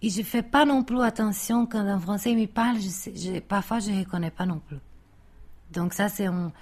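Expressive Brazilian woman, drawn-out vowels. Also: medium pitch. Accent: Brazilian Portuguese. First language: Portuguese. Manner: expressive, exaggerates her vowels. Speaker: guest. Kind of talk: casual conversation.

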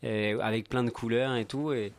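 A man chatting as a guest on a talk show, often pausing to search for words. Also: mid-range voice, steady tone, a little hiss or hum. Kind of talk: casual chat.

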